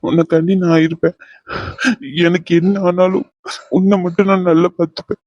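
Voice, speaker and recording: A man playing a quiet, devoted young boyfriend. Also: sits high, little pitch movement, normal speed, no room sound, lo-fi sound. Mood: tender. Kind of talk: amateur web drama acting.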